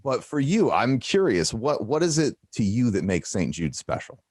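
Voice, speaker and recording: A man interviewing a guest, enthusiastic and a little halting with restarts. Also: mid-range voice, very animated, darkish tone, husky, no echo, studio quality.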